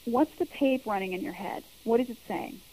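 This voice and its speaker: A woman's voice: a little high, moderate pace, mellow, rough recording. A woman who works as a public speaking coach, answering interview questions in an earnest, explanatory way and repeating her key points.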